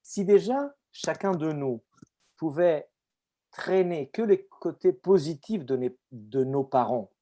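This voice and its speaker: A middle-aged man from Italy with an Italian accent, talking in an animated, expressive way as a guest actor in a casual conversation. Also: fairly high pitch, slow pace.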